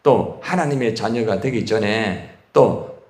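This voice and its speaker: A man's voice: on the low side, slow pace, a little mellow. A man who is a pastor, preaching a sermon and asking his congregation questions. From Korea. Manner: call-and-response questions to the congregation. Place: church sanctuary. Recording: echoey church hall.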